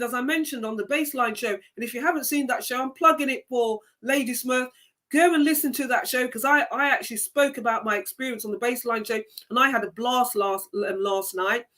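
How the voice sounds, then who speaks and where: High bright emphatic woman with Jamaican accent. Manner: emphatic, preachy, repeats key words. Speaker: live-stream host. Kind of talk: motivational live-stream talk.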